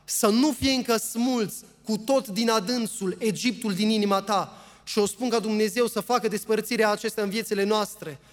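A man with a high voice preaches a sermon, reading long passages of scripture aloud. He talks earnestly and keeps putting questions to his listeners. His voice rings out with a long reverb, as in a church hall. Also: steady tone, soft background music. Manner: earnest, asks the congregation rhetorical questions; reads scripture aloud at length.

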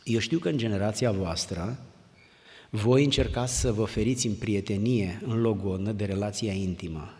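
A man's voice: lowish voice, mellow. A male preacher gives an earnest, exhorting sermon to young people and repeats his commands again and again. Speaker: pastor. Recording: long hall reverb.

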